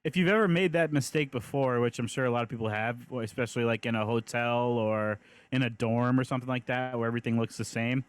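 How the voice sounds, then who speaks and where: A man's voice: mid-range voice, quick pace, clean tone, no room sound. A man co-hosting a casual podcast chat, talking in a laid-back, slangy way, recorded at home on a call. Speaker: podcast co-host.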